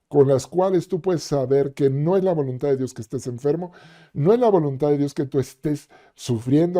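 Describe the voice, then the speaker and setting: Male preacher, dark warm tone, conversational sermon delivery. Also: on the high side. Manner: conversational, acts out quoted voices, frequent "ujú" fillers.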